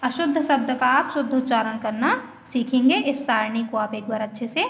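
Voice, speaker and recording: A woman teacher with an Indian accent, giving a grammar lesson to young students, asking questions and answering them herself and saying words over slowly. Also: on the high side, lively intonation, creaky. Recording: echoey room.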